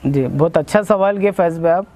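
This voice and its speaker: A man's voice: a little high, brisk, darkish tone. A man running for a local ward seat, making earnest, repetitive appeals for votes in an interview. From India. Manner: earnest, repetitive appeals in formal Urdu-laced speech. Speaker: ward election candidate. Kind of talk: campaign interview and vote appeal.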